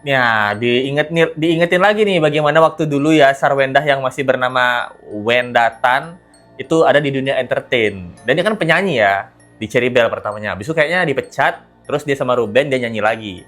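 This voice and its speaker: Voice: mid-range voice, a little fast, a bit bright. Chatty, teasing gossip vlog host. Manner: chatty, teasing, laughs often. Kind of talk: casual celebrity gossip commentary. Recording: light background music.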